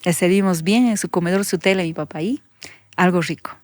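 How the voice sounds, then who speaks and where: A woman pastor, giving an earnest testimony that sinks into soft whispers when she recalls her prayers. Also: on the low side, brisk, no room sound. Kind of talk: emotional testimony in conversation.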